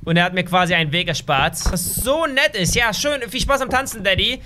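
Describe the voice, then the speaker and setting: High, bright-voiced excitable gaming man. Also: a little fast, slight background noise. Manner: excitable, chatty, talks to viewers directly. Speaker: gaming YouTuber. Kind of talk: let's play commentary.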